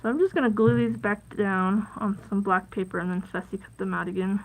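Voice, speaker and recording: A woman hosting a casual live crafting stream, chatty and rambling, with plenty of fillers and soft asides at her craft table. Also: medium pitch, fairly even intonation, a little fast, poor audio. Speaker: crafting livestream host.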